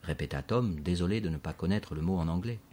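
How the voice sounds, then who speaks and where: A man narrating a storybook in a measured, scripted audiobook delivery. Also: sits low, a little mellow.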